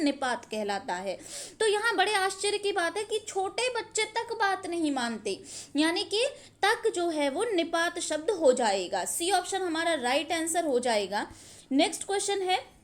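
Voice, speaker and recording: Very high-pitched woman teaching grammar. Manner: explains slowly with repeated examples and questions to the viewer; frequently checks understanding with rhetorical questions. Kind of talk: exam-prep grammar lesson.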